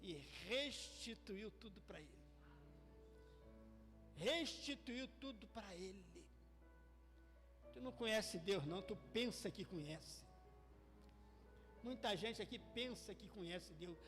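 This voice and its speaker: A man with a Brazilian Portuguese accent preaching a church sermon, swinging between shouted peaks and hushed asides and repeating phrases for emphasis. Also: high voice, takes it slowly, pauses often. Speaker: pastor. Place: church hall during a service. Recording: reverberant church hall with faint music.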